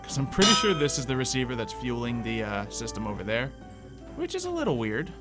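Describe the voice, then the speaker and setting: A man with a medium-pitched voice talks briskly with huge swings in pitch, over background music. As a gaming video host, he thinks aloud and explains each step of his gameplay with playful, exaggerated exclamations.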